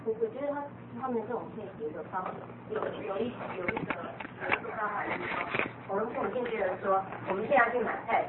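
A woman in the audience sharing her own experience as a parent, telling it with hesitant restarts. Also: medium pitch. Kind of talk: sharing experience in a group talk. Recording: distant, echoey, tinny with noise.

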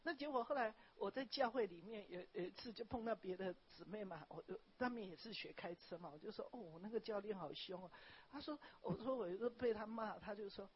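A woman pastor, preaching a sermon and telling personal stories in an animated way, often tagging her phrases with a small "ha". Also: mid-range voice, brisk, few pauses, slightly rough. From Taiwan. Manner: animated storytelling, frequent "ha" tags, wraps points with "okay, like this". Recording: dull lo-fi recording.

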